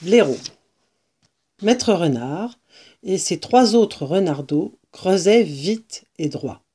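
A woman reading a children's novel aloud as narrator, in a calm, unhurried storytelling manner. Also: lowish voice, slightly rough. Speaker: audiobook reader.

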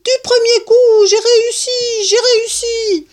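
A woman voicing a clever, proud male fox father who leads his cubs, exclaiming loudly when excited. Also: medium pitch, unhurried. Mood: exultant.

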